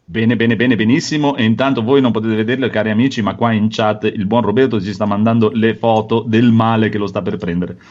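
A man's voice: on the low side, fairly even intonation, fairly quick, few pauses, darkish tone. Jokey male podcast host, slightly dull sound. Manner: jokey, mock-grand announcing, profane. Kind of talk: casual banter.

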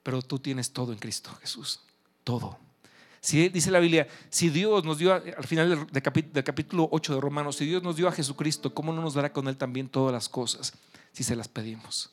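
A man's voice: a little high, a little fast. A man, a pastor preaching a sermon, encouraging and speaking directly to the listener.

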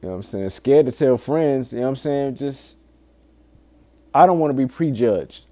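A man with a low-set, dark, mellow voice records a candid solo podcast. His talk is informal and full of swearing, with an earnest, pleading urgency as he warns his listeners. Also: expressive, moderate pace. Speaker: podcast host.

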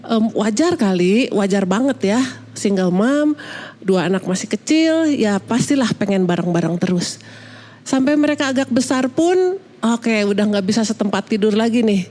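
A woman in her fifties from Indonesia, a pastor giving a personal testimony sermon, halting and emotional, with many fillers and restarts. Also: mid-range voice, mellow. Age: 50s.

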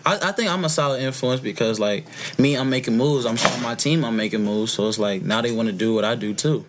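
A nineteen-year-old man rambles loosely through a casual interview, tossing in "you feel me" again and again. He talks fast at an ordinary pitch, and a noisy background sits under his voice. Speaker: rapper guest.

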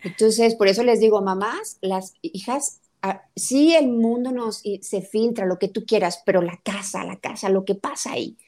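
Earnest woman, mellow voice. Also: medium pitch, moderate pace, hardly any pauses. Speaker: therapist guest. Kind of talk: reflective personal testimony.

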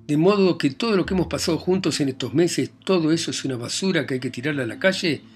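A man's voice: a little high, animated, quick pace, breathy edge, faint music behind, voice pushed up. A man reading the lines of a desperate young man who pleads and insists with the woman he loves.

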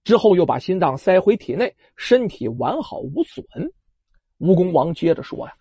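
Lively husky storyteller telling an old folk tale, talks right to you, dry lo-fi recording. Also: medium pitch, no room sound. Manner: animated, addresses listeners directly, frequent drawn-out particles. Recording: dull lo-fi recording.

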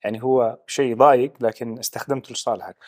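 A male interview host asks his questions at a very fast clip. His voice sits in an ordinary middle range. The sound is dry and close. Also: mid-range voice, fairly even intonation, darkish tone, dry recording. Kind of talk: interview hosting.

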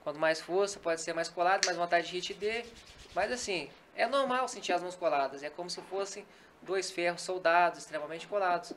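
A quick-talking man guiding a hypnosis demonstration with slow, steady, soothing commands, then explaining his methods in a relaxed podcast chat. His pitch sits mid-range, and faint noise hums under the recording. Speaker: hypnotist guest. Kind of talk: casual podcast chat with a live hypnosis demo.

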